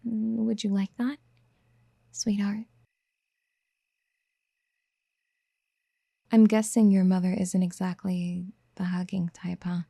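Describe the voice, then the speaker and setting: Here a female performer plays an obsessive yandere woman who wants to mother the listener, murmuring hesitant pet names in a soft, breathy, medium-pitched voice that hovers near a whisper. The ASMR roleplay is slow, hushed and gently coaxing, with a shyly eager, tender manner. A close microphone captures it dry in a quiet room.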